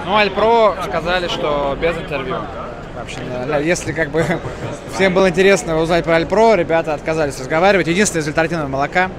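A man's voice: on the high side, quick pace. A man interviewing exhibitors at a trade expo, chatting casually and joking, with hesitant fillers. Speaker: video blogger at a trade expo. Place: crowded indoor expo hall. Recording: loud crowd noise behind.

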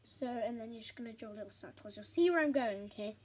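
A woman's voice: a little high, lively intonation, quick pace, background noise. A young woman chatting to herself in a rambling, giggly way as she works on a pastel drawing for her vlog. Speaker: vlogger. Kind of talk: chatty art vlog narration.

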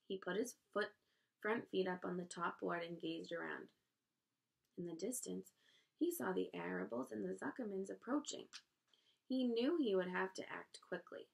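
A woman reads a children's novel aloud, steady and expressive in her narration. Her voice sits mid-pitch for a woman, with a gravelly fry in it. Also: normal speed. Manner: expressive storytelling. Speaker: reader.

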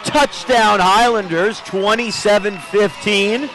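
A man calling a football game play by play, rising into excited calls on big plays. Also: sits high, takes it slowly. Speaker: play-by-play announcer. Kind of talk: live football commentary.

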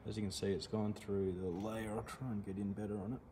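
A young man, a mechanic casually walking through his engine work in a plain-spoken, relaxed way with trailing phrases, recorded by a camera across a large indoor workshop. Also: fairly low pitch, quick pace. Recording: echoey workshop with clear background noise.

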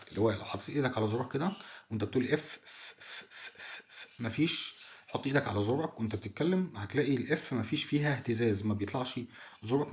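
A man with an Egyptian Arabic accent, explaining an English textbook lesson in a chatty way, saying each English word slowly and translating it. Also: mid-range voice, a little mellow. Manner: chatty, addresses the listener directly. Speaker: English teacher.

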